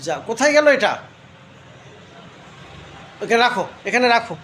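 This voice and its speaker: A woman playing with her toddler at home, asking simple questions again and again and gently scolding with tutting sounds. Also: fairly high pitch, lively intonation, normal speed, a little hiss or hum. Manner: repeats simple questions over and over. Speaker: parent filming her toddler. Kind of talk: playful coaxing talk to a toddler.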